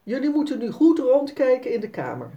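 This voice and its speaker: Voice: sits high, very animated, fairly quick, dark tone, pitched above the performer's own voice. A reader doing a playful storybook mother. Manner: kind, explaining.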